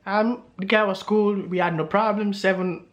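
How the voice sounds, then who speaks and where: A man's voice: high-pitched, steady tone, moderate pace, lo-fi sound. A man vlogging to camera, telling a story in a loose, meandering way, with many fillers and laughs along the way.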